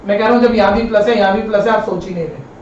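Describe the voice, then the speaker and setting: A male maths teacher explains each step slowly and repeats himself patiently, to his students like a familiar elder. His voice comes some distance across a very echoey classroom. The sound is dull and lo-fi, with a faint hiss behind it. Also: high voice, steady tone. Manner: patient, repetitive, addresses students as kids and brother. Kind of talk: live online classroom lesson.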